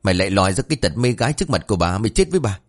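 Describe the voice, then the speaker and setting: A man voicing a jealous, hot-tempered young village wife who scolds fast and threateningly. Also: on the low side, sing-song, breathy edge, soft background music. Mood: scolding.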